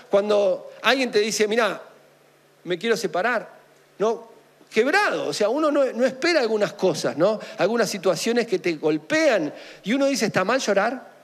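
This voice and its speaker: A man preaching in an animated Argentine voice that sits high for a man. He talks like he is chatting with the congregation, throwing in jokes and rhetorical questions as he goes. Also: moderate pace. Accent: Argentine Spanish. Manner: animated, jokey, full of asides and rhetorical questions. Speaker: pastor. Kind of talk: conversational sermon.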